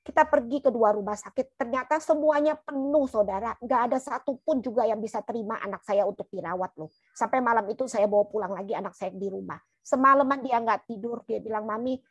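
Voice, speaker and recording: Husky woman giving an earnest church testimony. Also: fairly high pitch, a little fast, few pauses, no room sound. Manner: earnest, keeps addressing listeners as "brothers and sisters"; colloquial storytelling.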